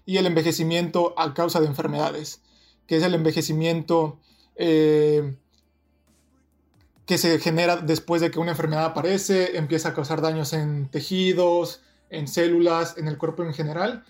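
Young Mexican man explaining calmly. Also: a little high, soft background music. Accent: Mexican Spanish. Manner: measured, explaining step by step with fillers. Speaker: guest, doctoral researcher. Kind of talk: explanatory interview answers.

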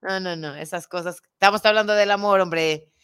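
A woman retelling an old tale in a casual, animated, joking way, full of asides and restarts. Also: mid-range voice, moderate pace, smooth. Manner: animated, colloquial, jokey, with frequent restarts and asides. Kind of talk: casual storytelling chat.

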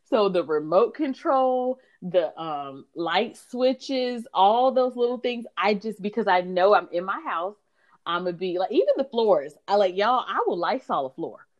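A woman co-hosting a podcast in casual chat, emphatic and drawn-out on her stresses. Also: mid-range voice, lively intonation, highs cut off. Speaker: podcast co-host.

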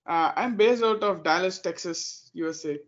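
A man's voice: high voice, normal speed, highs cut off. A man in his thirties from India with an Indian accent, a guest answering interview questions, hesitant with many fillers.

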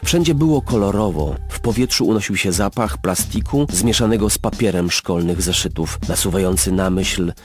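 A man narrating a story in a measured, expressive storytelling manner. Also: low-pitched. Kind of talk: scripted audiobook narration.

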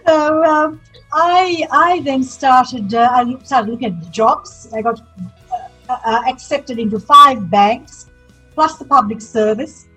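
A woman in her sixties, from Sri Lanka, tells her story as a podcast guest with a lively, candid manner. Her voice is somewhat husky and pitched a bit high, with faint music underneath. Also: measured pace, rough recording. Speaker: city councillor, guest. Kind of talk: podcast interview.

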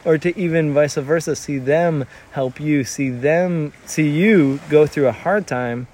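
Unhurried and a little mellow, a slightly high male voice belongs to a missionary who grew up in Tanzania. He tells stories earnestly during a conversational interview, with many restarts. A little hiss or hum sits in the background.

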